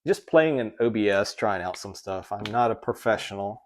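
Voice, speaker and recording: A man from the American South hosts a casual tech livestream, rambling, correcting himself, and reading viewer chat aloud in his Southern accent. His voice sits lowish, with lively intonation and a moderate pace, picked up by a desk microphone.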